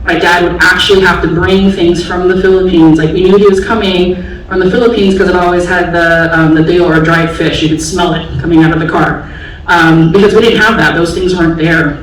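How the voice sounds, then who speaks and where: She's a special education teacher in her forties from the San Francisco Bay Area, sharing her personal story openly with an audience and leaning on lots of fillers. Her voice is lowish, steady and brisk, and the recording comes from a distance in an echoey hall, with faint noise, on a large auditorium stage.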